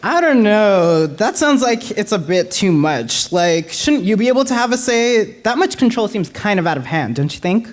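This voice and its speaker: A young woman playing a sorority sister who gently questions her friend's relationship. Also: medium pitch, sing-song, moderate pace, hardly any pauses, close to an everyday voice. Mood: concerned. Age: young adult. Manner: questioning, supportive. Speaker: student acting in a skit.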